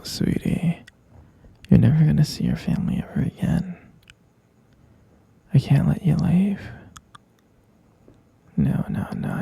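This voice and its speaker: A man plays an obsessive young captor who keeps his lover locked away, speaking in a breathy whisper that is sweet on the surface and menacing underneath. His dark, gravelly, husky voice drags slowly through every line, heavy with vocal fry. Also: a little high, no room sound, exaggerated voice. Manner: soft, coaxing, menacingly sweet. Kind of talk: whispered ASMR roleplay.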